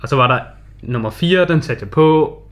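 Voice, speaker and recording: A man with a Danish accent talks casually as a podcast co-host. His voice sits at an average male pitch, and he delivers his thoughts as informal film chat.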